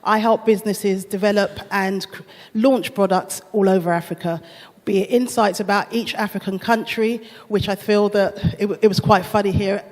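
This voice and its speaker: A woman's voice: medium pitch, steady tone, moderate pace, a little mellow. A woman from Ghana working as a business strategy consultant, introducing herself confidently with a handheld mic on a conference stage. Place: large conference hall stage. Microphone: handheld microphone. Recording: long hall reverb.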